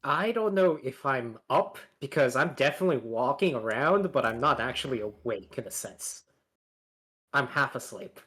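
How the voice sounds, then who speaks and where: A man chats casually as a player, asking quick questions. His voice sits mid-range and sounds relaxed. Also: medium pitch, breathy edge. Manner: curious, questioning. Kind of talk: casual chat.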